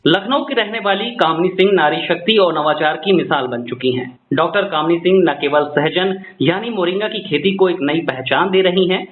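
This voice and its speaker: A man working as a radio correspondent, reading a formal news introduction and asking his guest polite questions. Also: on the high side. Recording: roomy, phone-like sound with faint noise.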